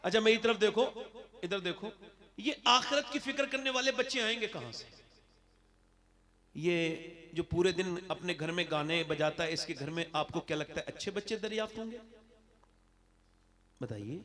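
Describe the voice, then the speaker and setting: A man preaching a fiery religious sermon to a gathering, moving from quiet asides to impassioned shouting and firing rhetorical questions at the crowd. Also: high voice, moderate pace, long pauses.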